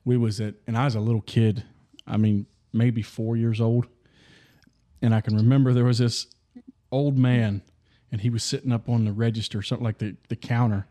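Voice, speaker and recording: A man's voice: medium pitch, flat delivery, moderate pace, mellow. A man hosting a casual podcast, telling folksy stories and laughing often. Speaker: podcast host.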